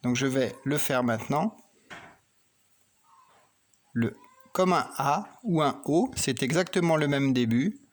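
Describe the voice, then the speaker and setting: A man with a medium-pitched, lively voice speaks slowly, leaving long pauses. He is patiently teaching a child to read and write, talking through each pen stroke and spelling words out letter by letter in a gentle phonics and handwriting lesson.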